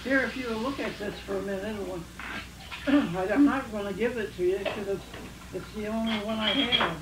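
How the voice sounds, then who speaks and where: A great-grandmother in her eighties or older, chatting at home in a halting, wandering way, recorded on an old VHS home video. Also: medium pitch, roomy sound, distant mic, noisy background. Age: 80s or older. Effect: old home VHS tape sound. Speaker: great-grandmother being interviewed. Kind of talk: casual family chat. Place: home kitchen with cooking going on. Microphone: camcorder mic across the room.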